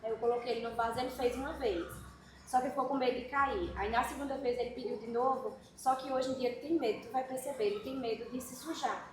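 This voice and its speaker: Mom chatting about her kid, high voice, echoey room, noisy background. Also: steady tone, quick pace. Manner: chatty, anecdotal. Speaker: parent sharing experience. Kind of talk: casual storytelling. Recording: roomy mic with clear background noise.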